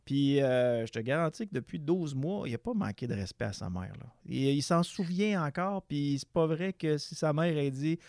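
A Québécois man, a father, telling a personal story in a casual discussion, halting and stumbling over words. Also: a little high, lively intonation, a little mellow, no echo, clean studio sound. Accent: Québécois French.

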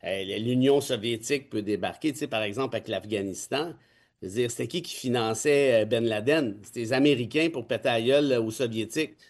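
A man in his forties speaks briskly in a mid-range voice with a Québécois French accent. He's a constitutional law expert sharing his opinions casually, in talk that is emphatic, cynical and colloquial.

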